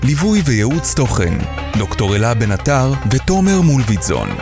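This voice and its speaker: Guy reading end credits, animated voice, music playing under. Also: medium pitch. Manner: even, announcing. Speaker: narrator. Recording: clear music behind.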